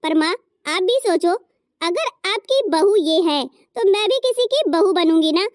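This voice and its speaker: A sweet, outspoken teenage girl in a cartoon family drama, as a woman voices her. She pleads her case earnestly in a very high voice. The recording is dry and close. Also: expressive, measured pace, no room sound. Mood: pleading. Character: sweet teenage sister-in-law, kind and outspoken. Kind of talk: cartoon story voice acting.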